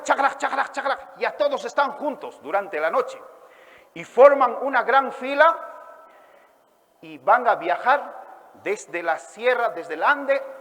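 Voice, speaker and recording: A man from Ayacucho, Peru, telling a folk tale to a live audience, with drawn-out calls and sound effects and prompts for the listeners to repeat after him. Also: very high voice, a bit bright, in a large hall. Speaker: storyteller. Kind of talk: oral storytelling to a live audience.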